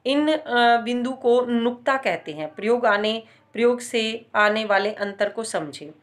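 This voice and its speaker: A woman teaching a grammar lesson, explaining slowly with frequent pauses and stressing example words. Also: a little high, lively intonation.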